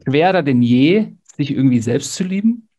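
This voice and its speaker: A man's voice: medium pitch, expressive, normal speed, dark tone. A man hosting a casual podcast conversation, reflective, hedging his words with many fillers.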